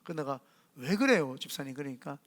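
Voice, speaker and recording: A middle-aged Korean man, preaching a sermon as senior pastor and telling animated stories in which he acts out the voices in quotes. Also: fairly high pitch, fast talker.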